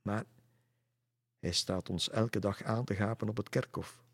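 Man doing a blunt washerwoman, low-voiced. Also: fairly even intonation, a little slow, breathy edge, no echo, clean studio sound. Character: matter-of-fact village washerwoman, tidy and blunt.

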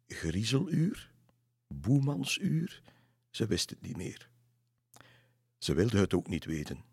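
Slow, deep-voiced storyteller. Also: male voice, a little mellow, husky, no room sound, clean studio sound. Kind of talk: reading a children's story aloud.

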